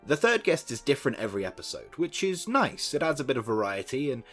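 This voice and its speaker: A man's voice: mid-range voice, sing-song, fast talker, a bit bright, soft background music. A young man narrating a scripted video essay with sardonic asides and the odd swear word.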